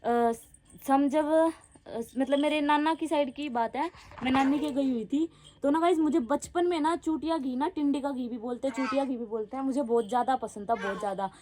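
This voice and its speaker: A woman's voice: high-pitched, a little fast, dark tone, slight background noise. A young woman, casually telling childhood stories to her viewers in a giggly, chatty way. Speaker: vlogger.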